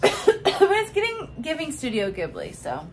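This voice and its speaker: A woman's voice: sits high, huge pitch swings, unhurried, over music. A woman co-hosting a podcast, chatting casually about books she bought and breaking into laughing fits. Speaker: podcast co-host.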